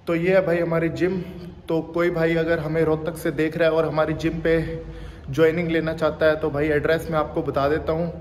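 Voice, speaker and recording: A young man gives a casual walkthrough of his gym, chatting to viewers as brother and filming on a phone at arm's length. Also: fairly high pitch. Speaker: gym owner and fitness vlogger. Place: large indoor gym. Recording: reverberant gym hall with faint ambient noise.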